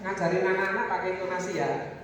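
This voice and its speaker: A woman's voice: on the low side, fairly even intonation, fast talker, very noisy. A woman teaching teachers a recitation method, drilling them in call-and-response with sing-song prompts. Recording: echoey hall, far from the mic, crowd behind.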